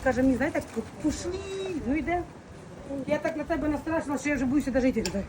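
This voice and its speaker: A woman's voice: high-pitched, rapid-fire, background noise. A woman from Ukraine, chatting affectionately to her followers in a walking vlog, filmed on a phone. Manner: chatty, affectionate, mixes Ukrainian and Russian words. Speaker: vlogger. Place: outdoors on city streets, then in a clinic hallway.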